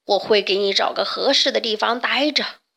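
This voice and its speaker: A woman's voice: medium pitch, moderate pace, creaky, bright, forceful tone. A woman growling as a furious beast. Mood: angry. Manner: roaring, hostile. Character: hulking furious male beast, castle master.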